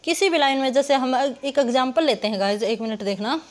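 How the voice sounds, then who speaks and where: A woman's voice: high-pitched, expressive, a little fast. Woman teaching, Hinglish explainer. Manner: rhetorical questions she answers herself, addresses viewers as guys; sounds out words syllable by syllable. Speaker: literature teacher. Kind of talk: online lesson explaining poetic meter.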